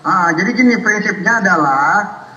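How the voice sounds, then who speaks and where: A man in a casual phone conversation, heard as a call played back over a loudspeaker, talking insistently with many restarts and murmured agreement. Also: high voice, animated, normal speed. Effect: phone call played over a courtroom loudspeaker. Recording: echoey, distant loudspeaker playback in a hall.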